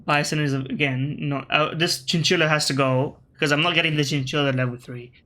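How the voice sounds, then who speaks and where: A gaming video creator with an Australian accent, shifted by British media, chats casually over his gameplay. His slightly high voice sounds bright and forceful, with fairly even intonation and a brisk pace. He thinks aloud, corrects himself mid-sentence and tosses wry remarks at his opponents.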